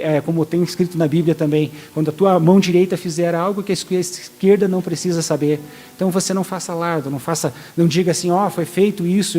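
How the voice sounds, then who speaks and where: A man's voice: sits high, warm tone. A man preaching a sermon in a conversational, explanatory way, acting out the lines he quotes and often restarting his sentences.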